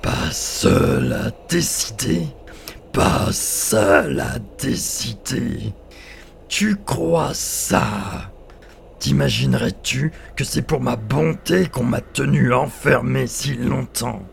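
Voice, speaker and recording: A man voicing a huge, menacing male spirit freed from a bottle, drawing out his threats slowly and loudly. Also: lively intonation, creaky, a little hiss or hum, full character voice. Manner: slow, booming, drawn-out threats.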